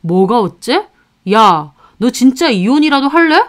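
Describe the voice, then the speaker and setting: A woman's voice: on the high side, sing-song, unhurried. A woman voicing a cold, dismissive husband who belittles his wife. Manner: curt and dismissive. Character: cold, belittling husband, young adult man.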